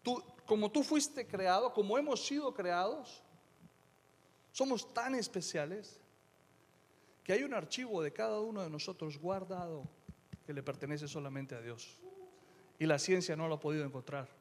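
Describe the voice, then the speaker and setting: A middle-aged man preaching a sermon as pastor, emphatic, moving between quiet asides and loud declarations. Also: high-pitched, moderate pace, pauses often, long reverb tail.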